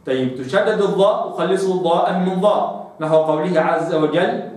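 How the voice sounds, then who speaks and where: A man's voice: sits high, a little mellow, far from the mic. Echoey man teaching recitation. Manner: slow drawn-out model pronunciations between quick explanations. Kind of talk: tajweed pronunciation lesson. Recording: very echoey room, voice off-mic.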